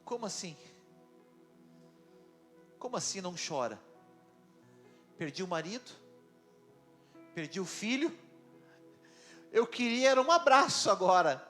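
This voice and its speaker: Preacher doing a grieving mother, high pleading voice. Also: animated, a little slow, long pauses, bright, forceful tone, faint music behind, exaggerated voice. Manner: pleading, protesting. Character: grieving widowed mother burying her son.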